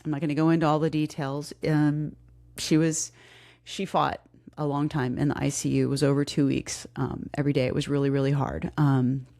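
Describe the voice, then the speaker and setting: A middle-aged woman hosting her fitness podcast, talking candidly and emotionally, grieving and close to tears, with many pauses and restarts. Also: low-pitched, level tone, darkish tone. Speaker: podcast host and fitness coach. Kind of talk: casual heartfelt podcast talk.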